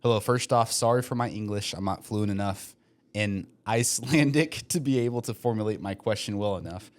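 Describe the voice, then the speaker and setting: Reading out listener questions on the casual podcast he co-hosts, this young mortgage lender talks a little fast in a voice on the low side. He hedges often, leans on fillers, and tosses in joking asides between explanations.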